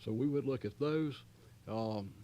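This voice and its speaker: A middle-pitched man speaks as county manager at a public meeting, with faint noise behind him. He talks in a folksy, rambling way, full of fillers, restarts and homespun turns of phrase. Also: measured pace, mellow. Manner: folksy, long-winded, many fillers and restarts. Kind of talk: explaining at a public board meeting.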